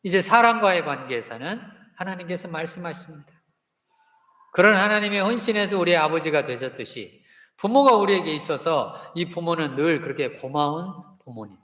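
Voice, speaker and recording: A pastor in his fifties gives a sermon in a church sanctuary. His voice sits a little high for a man, and it rings through a roomy hall with a long tail of reverb. He keeps asking the congregation questions and has them repeat lines after him. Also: animated, moderate pace, bright, forceful tone.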